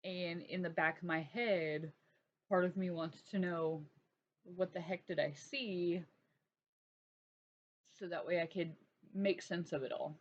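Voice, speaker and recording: A woman hosting her own channel, telling a personal story in a halting, earnest way with many restarts. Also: on the low side, steady tone. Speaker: art channel host. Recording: dull lo-fi sound with faint noise.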